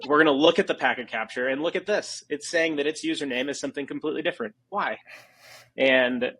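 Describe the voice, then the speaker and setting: A man's voice: fairly high pitch, fast talker, pushed and bright, slightly rough, poor audio. A man, a guest engineer on a podcast, explaining casually with plenty of fillers.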